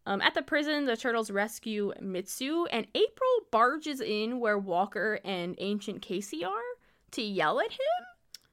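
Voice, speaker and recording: A woman's voice: a little high, very animated, a little slow, a bit bright. A woman co-hosting a podcast, recapping a movie in casual chat, wry and amused and laughing often. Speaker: podcast co-host.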